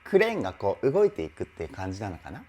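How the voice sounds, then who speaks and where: A vocal coach reacting to a live performance, excitedly admiring it and then explaining singing technique step by step. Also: deep voice, very fast. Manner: enthusiastic, exclaims in admiration between explanations. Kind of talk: reaction video with vocal analysis. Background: faint music from the video being reviewed.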